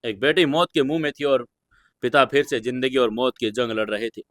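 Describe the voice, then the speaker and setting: A man narrating a scripted audio drama in a dramatic, steady storytelling manner. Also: medium pitch, brisk, no room sound, clean studio sound.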